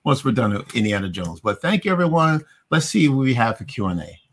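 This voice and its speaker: A man's voice: mid-range voice, big pitch swings, a little fast, slightly rough. A middle-aged man hosting a casual movie review, talking in a rambling way with many fillers and restarts. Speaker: podcast host.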